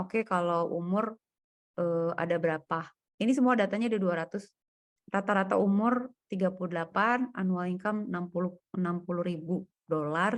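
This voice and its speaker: Casual woman tutoring data science. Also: on the low side. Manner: casual, thinking aloud while walking through code. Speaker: coding tutor. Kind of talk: private coding lesson over screen share.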